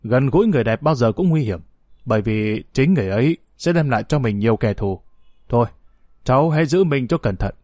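A man's voice: mid-range voice, animated, brisk, dark tone, dry recording, clean studio sound, lightly acted. A man voicing a stern older male colonel who questions and commands. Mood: fatherly. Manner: stern, interrogating.

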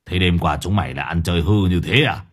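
A man voicing a gruff older male gangster bar owner who curses coarsely. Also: low voice, fairly quick, voice pushed down. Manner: coarse, cursing, growling.

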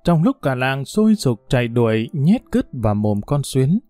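A man reading a story aloud in a measured, expressive way. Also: mid-range voice, dry recording, faint music behind. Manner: measured, expressive reading that changes voice for quoted speech. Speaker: audiobook narrator. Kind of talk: storytelling narration.

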